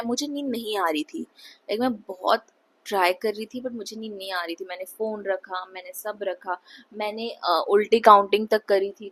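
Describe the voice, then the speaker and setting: A woman's voice: medium pitch, slightly rough. Young woman telling a scary story. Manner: mixes English words into Hindi, many fillers and restarts. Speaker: vlogger. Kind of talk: casual storytelling to camera.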